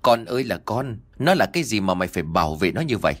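A furious middle-aged father in an audiobook story, spitting out rapid, harsh threats, as a male narrator puts him on. The voice sits low and swings widely in pitch. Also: expressive, fairly bright tone. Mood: enraged.

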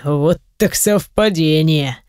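A reader voicing a stern, quick-tempered wealthy father who speaks slowly and low. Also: a little mellow, dry recording, clean studio sound, close to an everyday voice. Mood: angry. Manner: slow, low, weighty delivery.

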